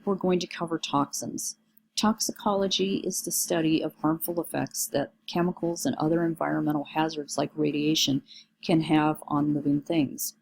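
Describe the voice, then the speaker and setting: A woman college instructor giving a recorded lecture in a conversational, reflective way, her voice hoarse and squeaky from a cold. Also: rough recording. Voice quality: squeaky, strained voice. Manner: conversational, reflective, with frequent ums.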